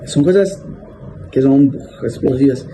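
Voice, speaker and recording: A man's voice: mid-range voice, takes it slowly, background noise. Casual Colombian man explaining Latin. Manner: casual, restarts often, asks ¿cierto? for agreement. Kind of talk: informal explanatory lesson.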